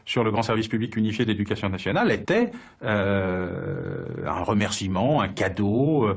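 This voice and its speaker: A man's voice: fairly low pitch, animated, normal speed, slightly rough. A man answering in a documentary interview, hesitant with frequent fillers. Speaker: interviewee, expert.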